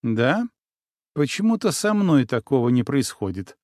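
A man voicing a sharp, suspicious young woman necromancer in an audiobook, with an insistent, prickly way of talking. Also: medium pitch, big pitch swings, a little slow, no room sound, clean studio sound. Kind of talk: audiobook character voice.

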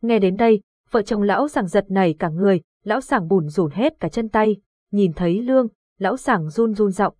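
A woman narrating a horror audiobook in a steady, even storytelling manner. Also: mid-range voice, normal speed, husky, dry recording, studio quality.

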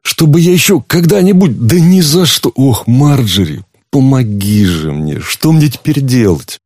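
A man's voice: mid-range voice, expressive, a little slow, a little mellow, no room sound, clean studio sound, pitched above the performer's own voice. A man reading an audiobook, voicing a frightened, weak-willed husband who pleads and stammers in panic. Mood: pleading.

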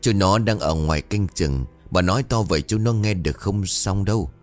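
A worried middle-aged village chief pleads in a deep, earnest voice, as a male storyteller voices him. He sounds very low in pitch, and faint music plays beneath him in this spoken tale. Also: normal speed, lightly acted. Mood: resolute.

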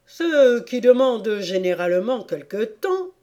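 A woman reading an audiobook voices a boisterous griffin creature that bursts out in loud exclamations. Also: a little high, very animated, takes it slowly. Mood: excitable.

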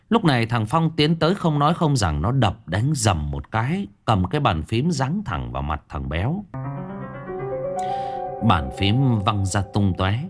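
A man narrating a story in a dramatic, expressive way. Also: lowish voice.

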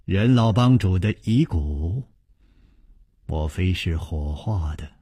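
A male storyteller reading as a proud, level-headed swordsman in a spoken story. The voice is low and husky, slow and measured, in a dry close sound. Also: lively intonation, warm tone, no room sound, full character voice. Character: calm, proud young swordsman hero. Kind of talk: storytelling broadcast.

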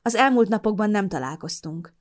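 A woman narrating a novel in the first person, in a calm, steady storytelling manner. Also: medium pitch. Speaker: audiobook narrator. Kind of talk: scripted narration.

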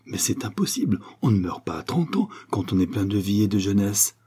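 A man's voice: lowish voice, very animated, fairly quick, warm tone, breathy edge. A man reading the lines of an anxious young countess in a storybook, speaking in an urgent, pleading way.

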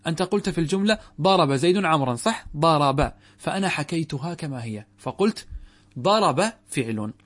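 A man's voice: a little high, lively intonation, a little fast. A man from Saudi Arabia, teaching a grammar lesson and asking his students questions. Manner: asks students questions and answers them. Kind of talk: classroom lesson explaining a text.

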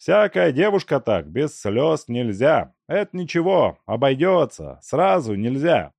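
Man as a smooth, scheming suitor. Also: mid-range voice, sing-song, unhurried, darkish tone, dry recording, full character voice. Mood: persuasive. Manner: persuasive, assured.

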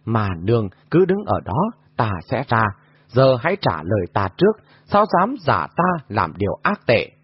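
A man's voice: mid-range voice, sing-song, normal speed, slightly rough. A man voicing a mysterious shape-shifting trickster who mockingly echoes other people's words. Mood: challenging. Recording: dull lo-fi audio.

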